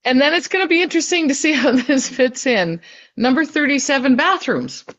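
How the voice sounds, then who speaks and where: A woman's voice: high-pitched, animated, a little fast, a bit bright, dull audio. A woman co-hosting a casual live-stream chat, upbeat and chuckling as she talks. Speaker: co-host.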